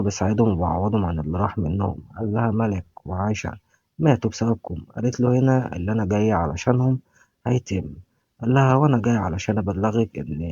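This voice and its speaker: A man's voice: on the low side, mellow, husky, no echo, lo-fi sound. A man with an Egyptian Arabic accent giving a casual recap of a TV series, retelling scenes and reading characters' lines aloud.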